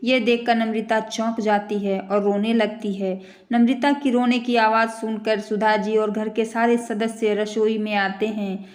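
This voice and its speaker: Lady reading a moral story, steady, slightly high, echoey room. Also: unhurried. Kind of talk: scripted moral-story narration.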